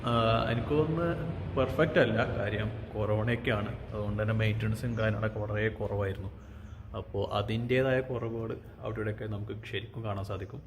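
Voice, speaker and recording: A man's voice: fairly low pitch, fast talker. A man with a Malayali accent giving a casual walk-through vlog narration, mixing Malayalam with English words. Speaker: travel vlogger. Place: on location around a forest resort. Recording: noisy on-location recording, outdoor ambience.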